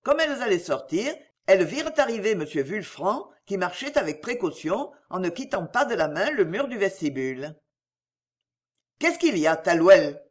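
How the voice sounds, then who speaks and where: A woman narrating a classic novel as an audiobook, in an expressive storytelling manner. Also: mid-range voice, normal speed, hardly any pauses.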